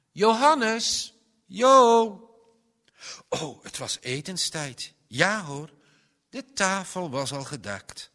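A man reads a children's Bible story in a slow, tender and expressive way. His bright voice moves lively up and down. A long reverb hangs after each phrase, as in a large room. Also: mid-range voice.

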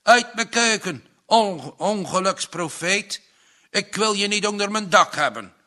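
A man's voice: high voice, animated, a little slow, pitched above the performer's own voice, heavily acted. A man doing a bellowing furious old farmer. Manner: shouting, raging.

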